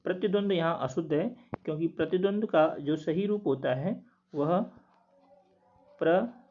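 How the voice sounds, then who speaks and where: A man working through quiz answers as a teacher, steadily repeating each word slowly to explain it. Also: fairly high pitch, slight background noise. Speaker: Hindi test teacher. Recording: dull lo-fi recording.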